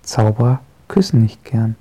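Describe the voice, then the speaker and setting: A man narrating a children's audiobook in a gentle, lively storytelling manner, with a gravelly, husky voice. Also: lowish voice, normal speed, low-quality recording.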